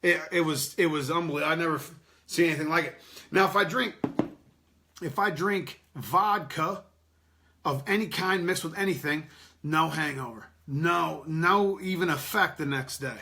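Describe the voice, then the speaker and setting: A man's voice: fairly high pitch, normal speed, bright, forceful tone. A man hosting an unscripted podcast, rambling loosely and swearing as he chats with viewers and laughs often. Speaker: podcast host. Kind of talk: unscripted casual chat with live chat readers.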